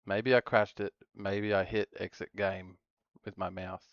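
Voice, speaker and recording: Low, smooth-voiced man streaming a game. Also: little pitch movement, measured pace, dry recording, dull audio. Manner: rambling, talks to himself while playing. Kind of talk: casual live-stream chat.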